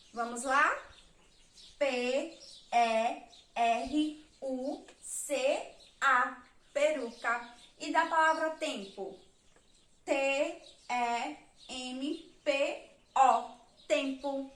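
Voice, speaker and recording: A woman's voice: high-pitched, a bit bright, echoey room. A woman primary school teacher with a Brazilian Portuguese accent, giving a patient remote lesson to young children and counting and spelling words aloud.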